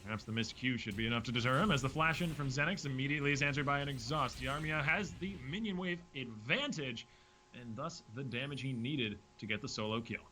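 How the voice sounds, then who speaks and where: A man casting an esports match, giving quick play-by-play with wry jokes. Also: mid-range voice, pushed and bright. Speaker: esports caster. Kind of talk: play-by-play commentary.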